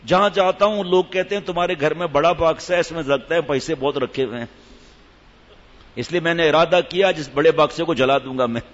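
A man's voice: on the high side, natural voice. A man doing a furious ranting husband. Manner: loud, ranting, repetitive. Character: angry, broke middle-aged husband shouting complaints. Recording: echoey hall, slightly dull sound.

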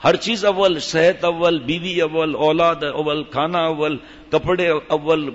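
A man's voice: on the high side, steady tone, dull audio. Scolding man preaching in a reverberant hall. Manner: scolding, emphatic, with slow recited Arabic verses. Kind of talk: sermon.

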